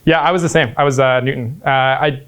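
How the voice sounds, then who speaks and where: A young man from Canada chatting casually as a game show contestant, talking quickly and laughing often. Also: medium pitch, steady tone, fairly bright tone. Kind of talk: casual group chat.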